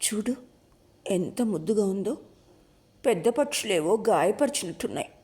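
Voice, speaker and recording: A woman voicing an idealistic, tender-hearted young college woman who speaks softly and pleadingly in a told story. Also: fairly low pitch, sing-song, measured pace. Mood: tearful pleading. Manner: soft, pleading, emotional.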